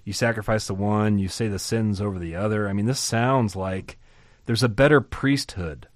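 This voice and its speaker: A man's voice: lowish voice, normal speed, dry recording, studio quality. Chatty man teaching the Bible. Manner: lively, chatty, asks rhetorical questions, chuckles.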